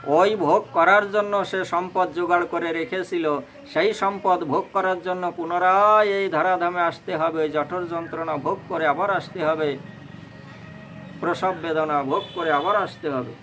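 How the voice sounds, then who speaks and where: A man with a Bengali accent giving a fervent devotional sermon on scripture, addressing the listeners as mothers and breaking into slow chanting. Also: high-pitched, steady tone, a bit bright, slight background noise, poor audio. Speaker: Bhagavata reciter.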